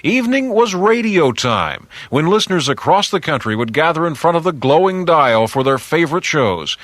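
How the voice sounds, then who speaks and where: A man's voice: on the high side, very animated, normal speed, fairly bright tone, no echo. An American man reading scripted narration for a radio documentary.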